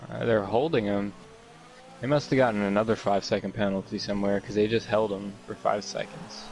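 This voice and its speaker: Flat-toned, low-voiced male race co-commentator. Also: brisk, low-quality recording. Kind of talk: casual live sim racing commentary.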